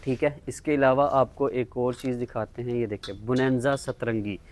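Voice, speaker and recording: A man presenting shop stock in an informal sales pitch, with repetitive patter about prices and items. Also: fairly even intonation, normal speed, a little mellow. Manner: repetitive selling patter, repeating prices and checking phrases. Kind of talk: informal sales pitch in a product showcase video.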